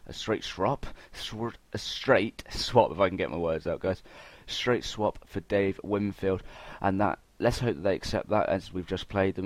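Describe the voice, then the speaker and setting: A young man hosting a gaming video chats informally and directly to his viewers as he comments on the game. His voice is deep, and the recording sounds dry.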